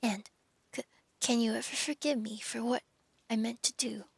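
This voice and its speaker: A timid storybook faun, read by a woman, fretful and full of guilt. The voice is earnest and fairly high, with creak at its edges. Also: fairly even intonation, normal speed, no echo, exaggerated voice. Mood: sorry.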